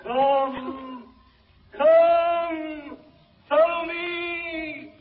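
Unearthly, high wailing ghost voice. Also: male voice, fairly even intonation, phone-quality sound, exaggerated voice. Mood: luring, commanding. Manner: slow, drawn-out, chanting calls. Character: eerie ghost voice beckoning a victim. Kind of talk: old-time radio mystery acting. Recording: band-limited old radio recording, music behind.

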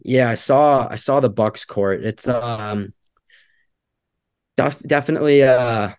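A man's voice: mid-range voice, takes it slowly, a little mellow, clear, resonant tone, no room sound. Man, upbeat podcast co-host, casual, chuckling, dry close sound. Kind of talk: casual sports podcast chat.

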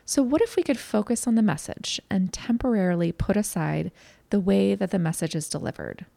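A woman's voice: medium pitch, sing-song, fairly quick, gravelly, warm tone, no room sound. A mother talking earnestly and candidly to parents, in a conversational way, as a parenting educator. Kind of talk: talk to parents.

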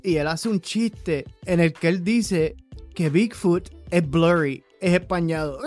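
A man co-hosting a podcast, telling jokes in an animated way and laughing at them himself. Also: on the high side, slow pace, faint music behind. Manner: animated storyteller, laughs at his own jokes. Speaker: podcast co-host. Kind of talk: casual chat, telling jokes.

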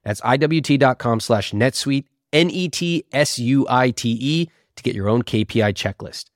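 A man reading a fast legal disclaimer at the end of a sponsor read, rapidly and flatly reciting fine print. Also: medium pitch, dry recording, clean studio sound. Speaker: podcast host and financial coach.

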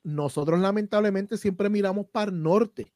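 A man's voice: high-pitched, normal speed, darkish tone, no echo, studio quality. A man from Puerto Rico with a Puerto Rican accent, hosting a podcast and talking passionately with frequent swearing. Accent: Puerto Rican Spanish. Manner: passionate, emphatic, swears freely. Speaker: podcast host. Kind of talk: casual podcast conversation.

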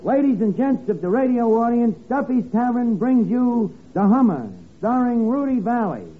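In this scratchy, noisy, narrow-band old radio recording, a man speaks at an extremely high pitch with an animated delivery and moderate pace. He is the comic lead of a 1940s-50s radio sitcom, acting as a bossy, slangy, scheming tavern man who wisecracks and mangles his grammar. He comes across as bossy and self-important.

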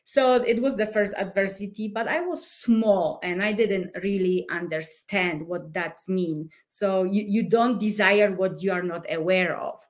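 A Polish woman with a Polish accent, a life coach, is a guest in a podcast interview. She speaks thoughtfully and often searches for words, at medium pitch, a little slowly and with few pauses.

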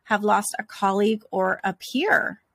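A woman's voice: medium pitch, unhurried, vocal fry, a bit bright. A woman hosting an interview, asking questions in an encouraging way with frequent fillers. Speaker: interviewer host.

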